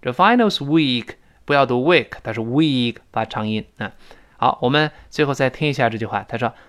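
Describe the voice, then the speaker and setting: An English teacher, a man whose first language is Chinese, talks through a lesson in a lively, animated way with a mid-range voice. He fills his explanations with little fillers and slows right down to drill each word. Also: medium pitch, clean tone. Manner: explains at length with many fillers, repeats words slowly to model pronunciation.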